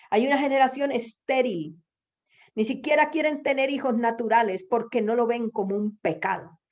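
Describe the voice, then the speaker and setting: A woman's voice: a little high, darkish tone. A woman preaching a sermon, exhorting her listeners with rhetorical questions and repeated phrases. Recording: dull lo-fi recording.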